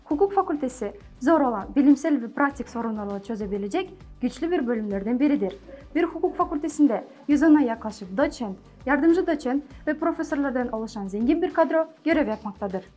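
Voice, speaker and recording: A woman's voice: sits high, expressive, brisk, dark tone, faint music behind. A young woman student giving a prepared presentation as a non-native speaker of Turkish. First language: not Turkish. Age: young adult. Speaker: university student.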